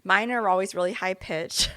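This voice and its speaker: A woman's voice: mid-range voice, moderate pace, bright, forceful tone. Laughing, rambling woman podcast co-host. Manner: chatty, laughs often, trails off mid-sentence. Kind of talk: casual chat.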